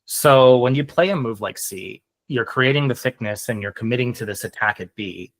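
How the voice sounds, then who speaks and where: A man's voice: medium pitch, animated, normal speed. A man explaining things in casual conversation like a teacher, hesitantly thinking aloud.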